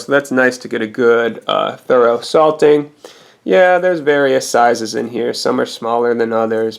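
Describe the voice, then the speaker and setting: A man's voice: medium pitch, gravelly, fairly bright tone. A man giving a casual product review as a food reviewer, in a rambling, hesitant, minutely detailed way.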